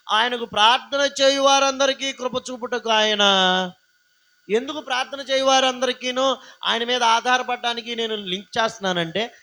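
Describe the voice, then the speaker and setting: A man's voice: very high voice, bright, forceful tone, poor audio. A man pastor preaching a live sermon, singing refrains and calling out questions to the congregation. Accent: Telugu.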